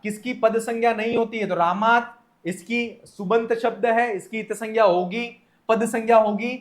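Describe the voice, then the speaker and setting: A man teaching a Sanskrit grammar lesson, reading out each exam question and then explaining the answer step by step. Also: sits high. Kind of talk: exam test solution lecture.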